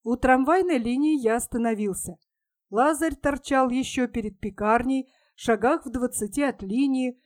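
A woman reading a story aloud in a steady, even storytelling manner. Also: high voice, moderate pace, no echo, studio quality. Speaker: audiobook reader. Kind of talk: scripted narration.

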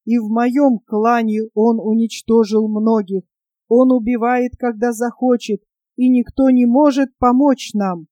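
A woman's voice: fairly high pitch, steady tone, measured pace, warm tone, dry recording, natural voice. A woman voicing a bitter, gloomy female crow who speaks grimly and with sighs in a storybook tale. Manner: grim, sighing.

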